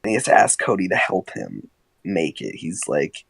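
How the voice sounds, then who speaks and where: This is a man with a low voice that swings widely as he recounts stories on a casual podcast. He laughs often and swears freely. The sound is dry and close. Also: big pitch swings, normal speed, gravelly, a bit bright, husky, no echo. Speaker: podcast co-host. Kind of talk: casual storytelling chat.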